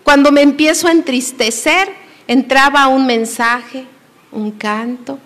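A woman from Mexico preaches to a congregation, pressing her points with emphasis and then sinking to a hushed near-whisper. Her voice sits high, and a long reverb trails behind it through the church hall. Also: unhurried. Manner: emphatic, shifts between loud exhortation and hushed near-whisper. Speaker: preacher at a women's conference. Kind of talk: sermon.

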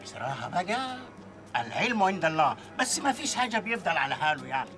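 A sarcastic neighborhood man in a TV comedy, high and very animated in tone, with clear music under the voice. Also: fast talker. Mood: mocking. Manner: mocking, lively retorts.

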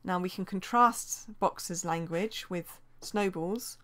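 A woman's voice: fairly low pitch, takes it slowly, fairly bright tone. A woman teaching a revision lesson as a voice-over, explaining steadily and reading quotations aloud, with small restarts.

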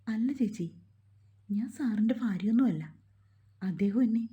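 A woman voicing a quiet, troubled young woman who gives short, evasive answers. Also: on the high side, moderate pace, lo-fi sound, natural voice. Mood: resigned.

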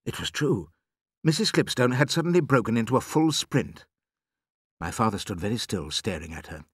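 A man narrating a children's novel in the first person, with expressive storytelling. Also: mid-range voice, brisk, slightly rough, no room sound, clean studio sound. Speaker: audiobook reader.

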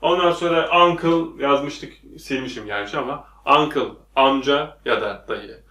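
Bright and forceful, with a mid-range pitch and a slightly slow pace, a male English teacher quizzes viewers through repeated questions at a whiteboard. The classroom recording is echoey, and his voice sounds distant.

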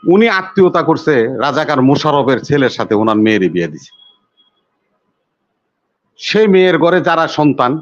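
A man's voice: a little high, big pitch swings, normal speed, pauses often, dull audio. A man, a talk show panelist in a heated debate who talks over others and repeats himself insistently.

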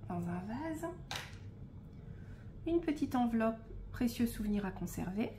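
A woman hosting a casual unboxing of craft supplies, speaking in a relaxed, hesitant way with frequent fillers and soft asides. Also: fairly high pitch, measured pace, slight background noise. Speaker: scrapbooking shop host.

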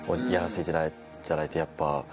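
A man's voice: extremely low pitch, flat delivery, fast talker, music in the background. A young man giving casual, reflective comments in an interview style.

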